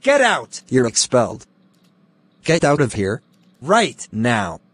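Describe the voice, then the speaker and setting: A synthetic text-to-speech male voice reading lines for animated characters, with a flat machine delivery. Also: mid-range voice, slow pace, slightly rough.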